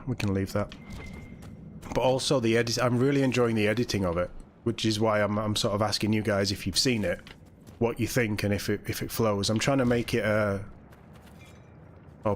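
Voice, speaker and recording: A young man live-streaming a video game, chatting excitably with viewers and reacting as he plays. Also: fairly low pitch, fairly quick, a little hiss or hum. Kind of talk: casual live-stream chat.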